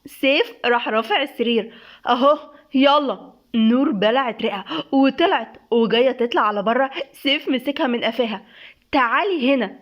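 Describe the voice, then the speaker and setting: Egyptian woman, story reader, chatty host, high pitch, muffled sound. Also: a little fast. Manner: chatty, warm greeting to listeners. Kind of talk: serialized story reading.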